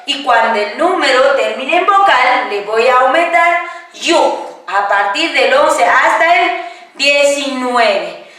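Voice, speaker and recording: A woman teaching Quechua numbers, patiently asking and answering her own questions and drawing the words out slowly. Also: sits high, lively intonation, a bit bright. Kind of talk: classroom-style language lesson, question and answer. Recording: echoey room, voice from a distance.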